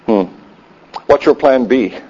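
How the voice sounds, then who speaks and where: A man's voice: mid-range voice, slow pace, a little mellow, husky. A man voicing a skeptical male interviewer who quizzes in a raised tone. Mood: quizzing. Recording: dull lo-fi sound.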